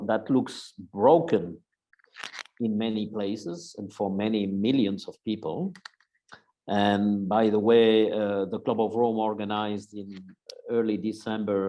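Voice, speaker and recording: A man's voice: lowish voice, little pitch movement, normal speed, dark tone. A man moderating an online discussion over a video call, speaking in short reflective phrases. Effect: heard over a video call. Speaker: webinar moderator. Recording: dull lo-fi call audio.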